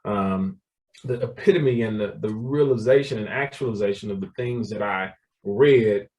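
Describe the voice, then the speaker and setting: A man's voice: on the low side, normal speed, a little mellow, distant mic. A man, telling his story as a guest in a casual interview, laughing often and repeating words. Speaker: guest, real estate developer.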